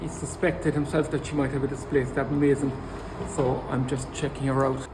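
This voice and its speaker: Irish male vet, lively intonation. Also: mid-range voice, fairly quick, very noisy. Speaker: large animal vet. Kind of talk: explaining work to camera.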